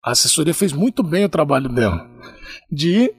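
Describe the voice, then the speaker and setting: Animated brazilian man telling stories. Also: on the high side, moderate pace, slightly rough, dry recording. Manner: animated storyteller, mimics people he quotes. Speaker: podcast guest, sports reporter. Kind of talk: casual storytelling.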